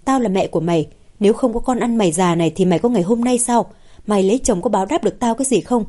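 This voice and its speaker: A woman's voice: medium pitch, rapid-fire, dark tone, natural voice. A woman voicing a domineering older mother who scolds and wails. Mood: scolding. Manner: wailing, scolding.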